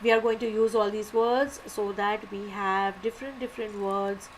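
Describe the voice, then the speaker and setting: A woman giving a live online lecture, animated, repeating key words and asking and answering her own questions. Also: medium pitch, normal speed, slight background noise, rough recording. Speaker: teacher.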